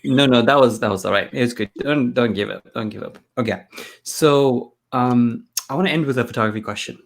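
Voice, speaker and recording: A man's voice: mid-range voice, brisk, vocal fry. A man hosting a casual live-stream chat, teasing his co-host and reading out viewer questions. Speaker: host, photographer.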